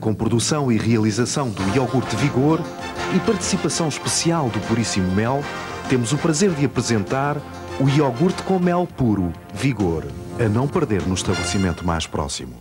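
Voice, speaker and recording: A man's voice: mid-range voice, sing-song, moderate pace, over music. A man reading a yogurt commercial in a grand, movie-trailer announcing style. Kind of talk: commercial voice-over.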